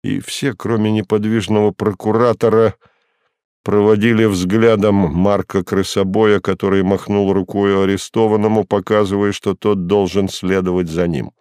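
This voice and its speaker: A man reads a classic novel aloud for an audiobook, measured and deliberate. His delivery is very slow and unhurried, and his voice sits a little low. The sound is dry and close, with no room echo. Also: a little mellow, clear, resonant tone. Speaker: audiobook narrator.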